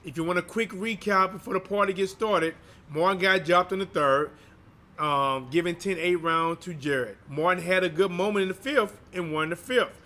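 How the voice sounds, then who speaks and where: A man's voice: sits high, moderate pace, bright, forceful tone. A man doing live boxing commentary as a streamer, in slangy, informal talk aimed at his viewers. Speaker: boxing livestream commentator and channel host.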